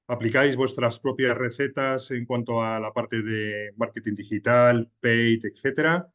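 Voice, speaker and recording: A man's voice: medium pitch, fairly even intonation, measured pace, a bit bright, lo-fi sound. A man hosting a business podcast, asking questions in a conversational way and rephrasing them as he talks. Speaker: podcast host. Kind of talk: interview questions, casual chat.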